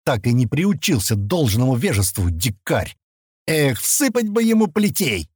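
A man's voice: on the high side, sing-song, normal speed, a little mellow, no room sound, studio quality, pitched above the performer's own voice. A man voicing a fat, drunk male governor who bellows and spits out threats, in an audiobook. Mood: contemptuous. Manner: bellowing, slurring, spitting threats.

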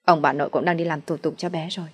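A woman's voice: low voice, fairly even intonation, fast, slightly rough. Woman reading a soothing older sister. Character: gentle caring older sister.

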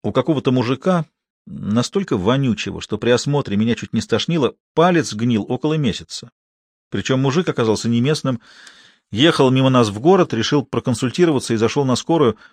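A man reads a first-person story aloud as an audiobook narrator. His voice is husky and dry, close to the mic without room sound. He tells it with wry, deadpan irony. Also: mid-range voice, brisk, no room sound.

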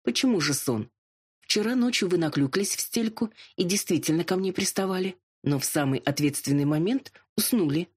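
A storybook narrator voicing a quick-witted young female detective who answers back with teasing remarks. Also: mid-range voice, slightly rough, lightly acted.

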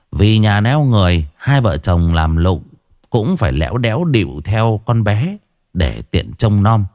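Male ghost story narrator, low voice, very lively intonation, dry close sound. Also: no room sound. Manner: expressive, rising and falling delivery.

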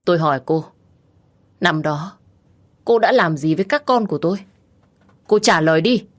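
A woman's voice: on the low side, fast, lightly acted. A woman voicing a furious grieving young man. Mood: furious shouting. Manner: shouting, harsh and accusing.

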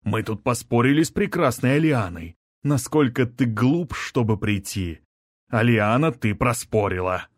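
A man's voice: mid-range voice, lively intonation, no echo, studio quality. A man voicing a taunting villain mage. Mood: mocking. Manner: mocking, drawn-out taunting speech. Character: scheming mocking male court mage villain.

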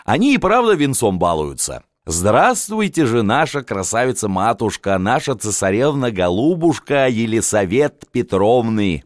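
A man reading an audiobook, voicing a rowdy, boastful old male official in a loud, raised voice. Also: medium pitch, very animated, moderate pace, hardly any pauses, no room sound, clean studio sound, close to an everyday voice.

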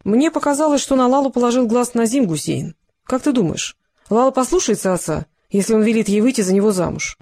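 Cold bespectacled male interrogator, mocking and relentless, as a reader puts him on, in a dark, husky, dry voice. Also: medium pitch, lively intonation, brisk, pitched above the performer's own voice. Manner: cold, needling, shouting when pressing. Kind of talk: audiobook character reading.

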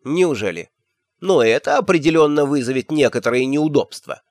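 A man's voice: on the high side, lively intonation, normal speed, darkish tone, no room sound, clean studio sound, natural voice. A man voicing a young queen, speaking in an offhand, breezy way. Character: calm eerie young queen, axe-wielding.

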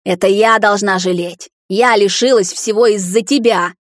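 A woman voicing a cruel, scheming witch mother who snarls and mocks in a raised, sharp voice, in an audiobook. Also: medium pitch, moderate pace, dry recording, studio quality, natural voice. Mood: menacing scorn.

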